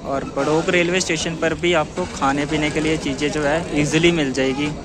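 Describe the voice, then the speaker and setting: Riding a mountain toy train and stepping out onto station platforms, this male travel vlogger chats his way through the journey in tour-guide fashion, leaning heavily on one filler phrase. He speaks at an ordinary speed in a fairly high voice with fairly level intonation.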